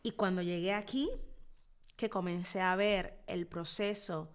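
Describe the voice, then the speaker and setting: A Dominican woman in her thirties, a psychologist guest telling her life story in an interview, expressive and reflective, pausing often as she thinks. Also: fairly low pitch. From Dominican Republic. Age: 30s. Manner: expressive, reflective, with frequent hesitations.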